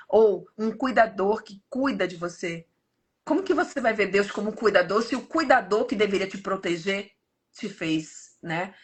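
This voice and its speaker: A woman's voice: mid-range voice, slightly rough. A woman in her fifties with a Brazilian Portuguese accent gives a casual devotional talk, often turning to her listeners as "gente". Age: 50s. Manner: animated, often turns to the audience as "gente".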